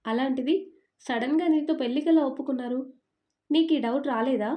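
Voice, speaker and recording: A woman's voice: high voice, a little fast, highs cut off, natural voice. A woman voicing a stubborn, suspicious young woman who fires off accusing questions.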